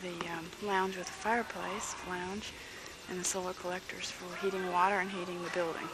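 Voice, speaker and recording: A woman slowly narrating a home video tour outdoors into a camcorder's built-in mic, losing her voice. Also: on the low side, little pitch movement, very noisy. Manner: slow, soft-spoken pointing out sights. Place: outdoor grounds and buildings of a campus.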